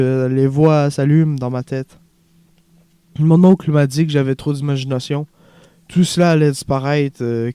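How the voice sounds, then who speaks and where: A man reads a young refugee man in an audiobook who is haunted and earnest, confiding his story softly. The tone is dark and mellow, the voice smooth and resonant. The recording is close and dry. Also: a little high, no echo, close to an everyday voice.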